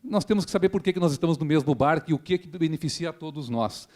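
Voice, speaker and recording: Speaking fast in a high, darkish voice, a public prosecutor from Rio Grande do Sul, Brazil delivers an earnest, rhetorical seminar speech. The address is formal, and he leans on tag questions often.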